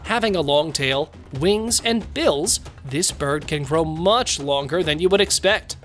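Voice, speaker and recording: A man reading scripted nature documentary narration as a presenter, in measured phrases. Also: a little high, a bit bright. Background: music.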